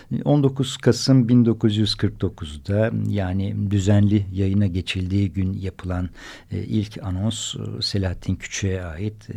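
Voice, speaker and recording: A man hosting a radio programme, narrating from notes in halting, hesitant phrases. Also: lowish voice, vocal fry. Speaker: radio host. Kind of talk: semi-scripted radio narration.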